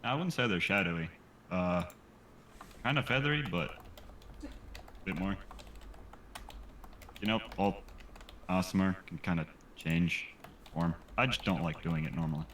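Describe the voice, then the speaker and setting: A man's voice: low voice, measured pace, pauses often, fairly bright tone. A man playing a tabletop role-playing game, talking casually, often as his character. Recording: roomy echo, faint background noise.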